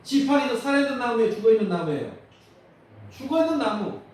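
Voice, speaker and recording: A male pastor with a Jeolla accent preaching a sermon, animated and calling out questions to his congregation. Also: very high-pitched, fast. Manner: animated, calls for congregation responses. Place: church sanctuary. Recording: distant mic in echoey church hall.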